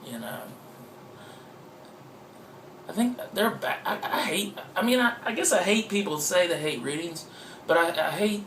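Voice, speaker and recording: A man's voice: sits high, a little slow, long pauses, fairly bright tone, slight background noise. A man, an author being interviewed, talking in a meandering, profane and self-mocking way. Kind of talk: casual rambling interview talk. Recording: roomy echoey room.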